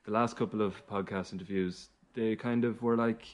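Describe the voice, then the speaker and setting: A man's voice: lowish voice, fairly even intonation, moderate pace. A man casually hosting a podcast interview. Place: inside a city bar.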